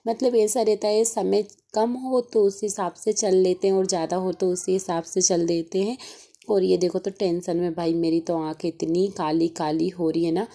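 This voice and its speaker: Chatty Malwi-accented woman, mellow voice. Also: fairly low pitch, little pitch movement, moderate pace. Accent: Malwi Hindi. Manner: chatty, homely, rambling with many fillers. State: tired. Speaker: vlogger. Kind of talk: casual daily-life vlog narration. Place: home kitchen.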